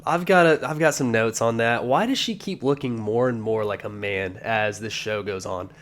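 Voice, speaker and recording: Male podcast co-host, lowish voice, crude swearing banter. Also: moderate pace, fairly bright tone. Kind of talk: casual chat.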